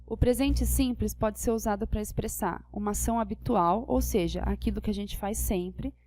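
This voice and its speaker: A woman's voice: medium pitch, normal speed, warm tone, no room sound. A young Brazilian woman with a Brazilian Portuguese accent, an English teacher explaining grammar patiently and checking that students follow. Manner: patient, checks understanding with questions. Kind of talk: classroom lesson explaining grammar.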